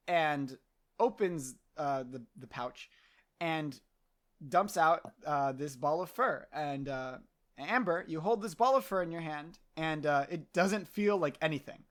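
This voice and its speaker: Rambling woman game master, lowish voice. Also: lively intonation, slow. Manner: rambling, full of ums and uhs, laughs easily. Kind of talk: narrating a tabletop game.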